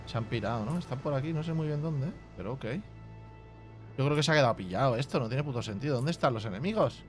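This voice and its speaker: Over soft background music, a male gaming YouTuber plays a strategy game and talks through it in casual let's play style. His medium-pitched voice is expressive and fast, his chatter full of profanity, and he reads in-game text out loud.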